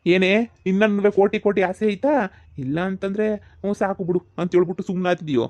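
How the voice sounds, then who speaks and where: A man's voice: high-pitched, steady tone, normal speed, lightly acted. A man playing a teasing village brother in a comedy skit. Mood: mocking. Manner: teasing, mocking sing-song. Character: mocking village brother, young adult man.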